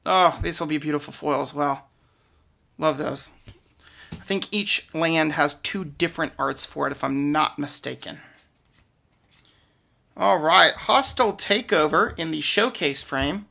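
Bright, creaky-voiced man opening card packs. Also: a little high, unhurried, long pauses. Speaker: card pack opener and commentator. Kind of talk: casual unboxing commentary.

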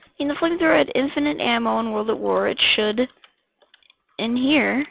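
A woman giving casual gameplay commentary, rambling and excitable, blurting out weapon names as she plays. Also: fairly high pitch, normal speed, creaky. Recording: dull lo-fi dry mic.

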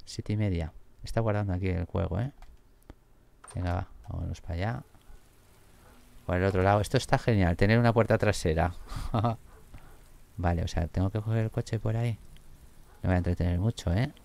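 A man commenting on a video game as he plays it. His voice sits fairly low with a gravelly, fried edge. He is excitable, swears freely and exclaims often. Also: a little fast, long pauses. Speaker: gaming streamer. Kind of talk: let's play commentary.

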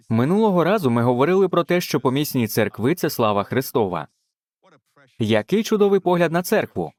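Fervent male preacher, lively pitch. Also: dry recording. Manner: fervent, punctuated with exclamations of praise. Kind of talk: dubbed sermon.

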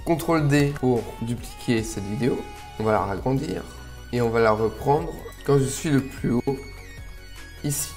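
A man hosting a casual software tutorial, relaxed and a little rambling as he explains each step. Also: mid-range voice, moderate pace, soft background music. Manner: relaxed, chatty, slightly rambling. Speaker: video tutorial host.

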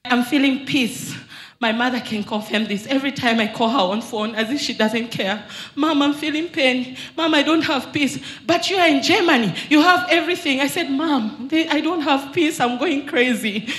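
A woman's voice: sits high, normal speed, a bit bright. A young woman from Zambia giving an earnest, emphatic church testimony into a handheld mic in a large hall. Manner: earnest, emphatic, retelling dialogue.

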